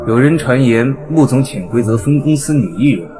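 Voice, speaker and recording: A man's voice: medium pitch, lively intonation, moderate pace, lightly acted. An actor playing a formal, dutiful male assistant in a short web drama. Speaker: special assistant. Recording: music playing behind.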